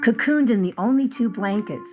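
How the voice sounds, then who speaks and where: A woman author reading excerpts from her own novel in a vivid, expressive storytelling manner. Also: on the high side, normal speed, over music. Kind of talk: dramatic audiobook-style reading.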